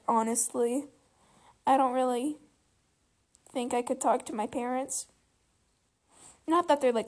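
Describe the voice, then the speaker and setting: A woman venting in a personal monologue, speaking softly and haltingly with many fillers and restarts. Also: fairly high pitch. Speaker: vlogger.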